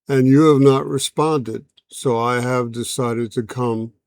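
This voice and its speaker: A man voicing a patient male alien envoy who speaks in a measured, formal way. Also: medium pitch, steady tone, no room sound. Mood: calm, solemn. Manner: measured, formal, unhurried speech.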